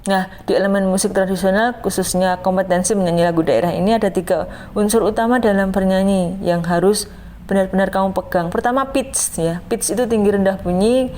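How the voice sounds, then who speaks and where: A woman's voice: medium pitch, fairly even intonation, brisk, mellow. A middle-aged woman, a music teacher giving an online class lesson. She explains step by step, speaks straight to her students and now and then sings short examples.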